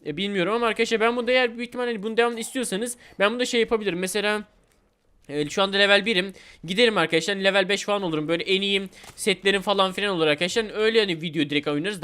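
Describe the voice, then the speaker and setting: A young man giving excited gameplay commentary as a gaming YouTuber, repeating words rapidly. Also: high voice, clean tone.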